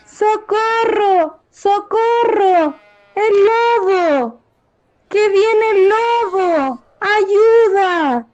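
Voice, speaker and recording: A woman voicing a mischievous young shepherd boy who shouts and cackles in a high voice. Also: fairly even intonation, slow pace, hardly any pauses, dull audio. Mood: fake alarm. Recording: voice over loud background music.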